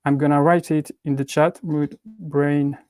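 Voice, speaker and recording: A man's voice: a little high, level tone, a little slow, a little mellow, no room sound. A man in his thirties from Switzerland with a French accent, chatting casually on a livestream, hesitant with many restarts and fillers. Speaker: YouTube prop-making channel host. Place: indoors at home with cats.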